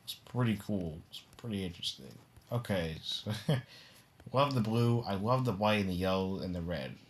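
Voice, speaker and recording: A man's voice: fairly low pitch, normal speed. A man casually running through the cars of a video game, rambling and often breaking into giggles.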